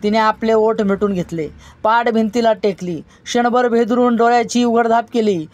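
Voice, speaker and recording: A woman reading a Marathi village story aloud in a steady voice, with small slips and restarts. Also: fairly high pitch, normal speed, no echo, lo-fi sound. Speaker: narrator.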